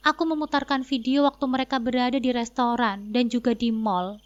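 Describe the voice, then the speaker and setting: A woman's voice: fairly high pitch, steady tone, a little fast, dull audio. A woman narrating a dramatic first-person story, with a cold, scornful, confronting manner.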